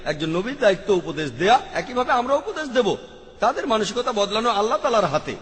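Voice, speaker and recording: A man's voice: sits high, sing-song, a little fast, a bit bright. A man giving a question-and-answer lecture, answering audience questions methodically, quoting scripture verses and listing options one by one. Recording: long hall reverb.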